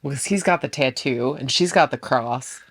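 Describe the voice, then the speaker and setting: A woman with a low voice talks over a reality show she is watching with her co-host. Her delivery is casual and animated, full of "like" and outbursts at the screen. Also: normal speed, breathy edge. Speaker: reaction video co-host. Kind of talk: casual reaction chat.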